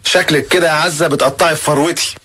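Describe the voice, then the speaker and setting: A shy, fretful young Egyptian man with a bright voice who rattles on very fast. Faint noise sits under his voice. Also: on the high side, fairly even intonation. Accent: Egyptian Arabic.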